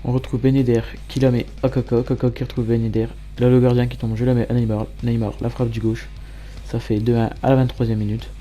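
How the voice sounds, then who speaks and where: A man giving matter-of-fact play-by-play commentary as a gamer over his own match highlights. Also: flat delivery, brisk, mellow, soft background music. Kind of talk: gameplay commentary.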